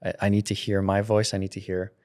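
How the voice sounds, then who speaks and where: Speaking fast with a fairly low, darkish voice that barely changes pitch, this 30-something content creator chats casually as an interview guest. He loses his thread, begins sentences again, and laughs often; the setup is a studio mic with headphones.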